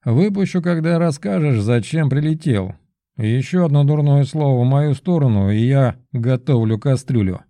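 A man's voice: medium pitch, lively intonation, moderate pace, dark tone, no echo, natural voice. A man voicing a cold, threatening young mage student who speaks curtly. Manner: curt, menacing.

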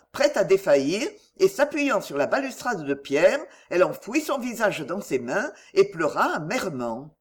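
Expressive woman narrating a novel. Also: medium pitch, husky. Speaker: audiobook narrator. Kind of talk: scripted narration of a classic novel.

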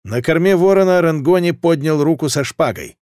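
A man reading a historical fantasy audiobook with steady, lively narration. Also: fairly high pitch, moderate pace, dry recording, studio quality.

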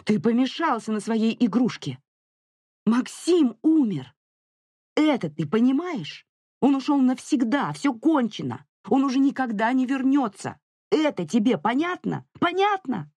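An audiobook narrator voicing a furious, grieving young mother who shouts and accuses, near hysteria. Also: medium pitch, lively intonation, a little slow, husky, no echo. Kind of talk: audiobook character reading.

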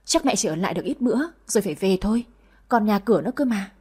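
A woman's voice: medium pitch, expressive, racing, slightly rough. A woman doing a humble country mother. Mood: weary. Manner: gentle, hesitant, polite. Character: poor countrywoman, humble mother, middle-aged.

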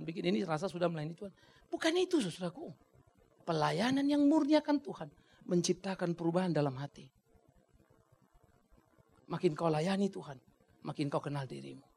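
A man preaching a sermon as pastor, dramatic and blunt, dropping to a hush and then rising to a shout. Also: sits high, creaky, slightly rough. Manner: dramatic, swings from hushed to shouting; colloquial, blunt asides.

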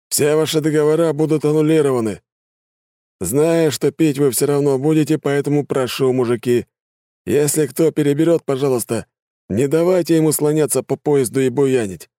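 A gruff military commissioner, put on by a male audiobook reader, barks orders in a raised, higher, forceful voice, clipped and commanding. The recording is close and dry. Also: steady tone, moderate pace, no echo, natural voice. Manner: barking orders, shouting roll call.

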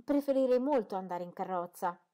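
A woman reading the part of a gentle, polite young woman in a soft, modest tone. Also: medium pitch, lively intonation, brisk, lightly acted.

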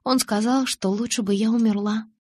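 A woman's voice: a little high, fairly even intonation, normal speed, a little mellow, husky, no room sound, voice pushed up. A woman voicing an earnest, curious teenage girl with a lifted, questioning tone in an audiobook. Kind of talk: audiobook character reading.

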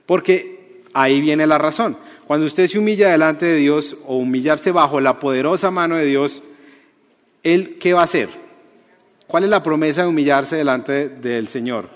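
A man preaching a lively, conversational sermon to young people, often asking the audience questions. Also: a little high, moderate pace. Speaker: youth preacher. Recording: long hall reverb.

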